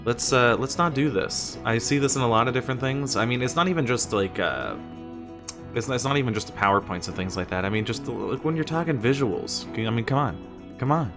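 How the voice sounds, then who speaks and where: This US man talks conversationally at a fairly quick clip, his medium-pitched voice full of lively intonation. He's a streamer and teacher sharing presentation tips with music behind him, tossing out exasperated rhetorical questions he often answers on his own.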